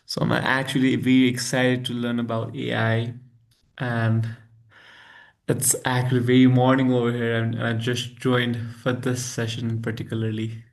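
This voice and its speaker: A man's voice: mid-range voice, monotone, normal speed, vocal fry. A man from Nepal introducing himself on a video call, hesitant, restarting his sentences. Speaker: event team member, attendee.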